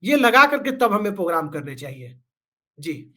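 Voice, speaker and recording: A man with a notably high-pitched voice talks as a guest commentator in a casual political discussion. He is sarcastic and joking, drifting into storytelling asides to make his points. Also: sing-song, moderate pace, pushed and bright.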